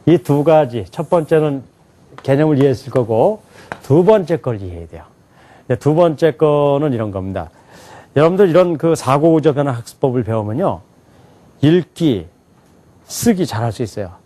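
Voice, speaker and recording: A man teaching a class in a lively lecture style, often asking the students questions and laughing along. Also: mid-range voice, normal speed. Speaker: English teacher at an alternative school.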